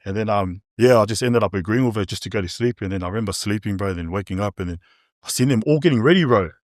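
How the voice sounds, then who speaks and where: A man's voice: on the low side, fast talker, no room sound, studio quality. A man, giving a candid, slangy personal testimony in a casual podcast chat, often saying bro and man. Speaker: podcast guest.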